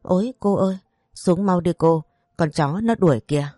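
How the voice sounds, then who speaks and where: A woman voicing a frightened, loyal young servant girl who pleads in a high, urgent voice. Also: moderate pace, warm tone, dry recording, clean studio sound, soft background music, close to an everyday voice. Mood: panicked pleading.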